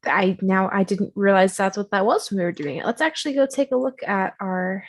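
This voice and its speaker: A woman with a mid-range voice talks a little fast while casually demonstrating software on her screen. Her manner is chatty and self-deprecating, with plenty of fillers.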